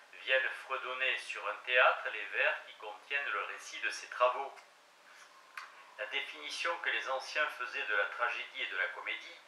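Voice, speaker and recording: A man reading a classic treatise aloud in a measured, formal manner. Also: medium pitch, sharp tone, distant mic, slight background noise. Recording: roomy echo, voice set back from the mic.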